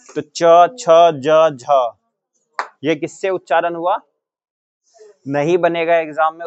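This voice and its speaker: The audio is dull, carrying a fairly high, somewhat bright man's voice. He's a teacher from Bihar, India drilling a coaching class on grammar, asking one question over and over and supplying the answers.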